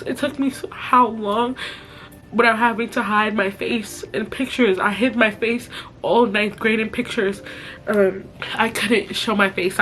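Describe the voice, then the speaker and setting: A young woman talks straight into a close camera, her voice thick and stuffy from crying. She keeps her voice low but stays blunt and profane as she vents. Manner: speaks softly while crying. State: tearful, stuffy nose. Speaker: influencer. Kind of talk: emotional confessional vlog.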